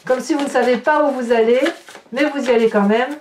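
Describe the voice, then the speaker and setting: A woman's voice: high voice, steady tone, brisk, slight background noise. A woman giving a chatty, reassuring tarot reading, often restarting her phrases. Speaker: tarot reader. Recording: echoey room, voice from a distance.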